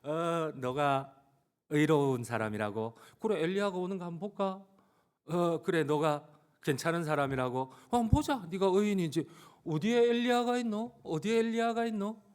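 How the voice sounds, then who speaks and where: Man doing a sneering crowd mocker, pitched up high and taunting. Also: animated, normal speed, clean tone, close to an everyday voice. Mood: jeering. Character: scornful jeering male mockers in a crowd.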